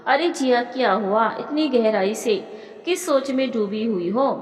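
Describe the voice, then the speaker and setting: A woman voicing a caring young married woman who speaks in a gentle, reassuring way. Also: on the high side, animated, a little slow. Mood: coaxing. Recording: echoey room with long reverb.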